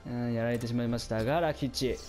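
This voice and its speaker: A man doing casual commentary over a football video game, chatting to his viewers and reacting out loud to the plays, his voice getting hoarse. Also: mid-range voice, steady tone, quick pace, soft background music. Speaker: gameplay commentator.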